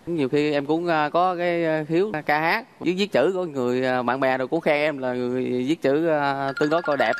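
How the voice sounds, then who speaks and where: A man's voice: a little high, fairly even intonation, brisk, hardly any pauses, clean tone, faint music behind. A man in his thirties with a Southern Vietnamese accent, a dating-show contestant talking earnestly with many hesitant fillers. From Dong Thap, Vietnam. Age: 30s. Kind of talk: self-introduction on stage. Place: TV studio.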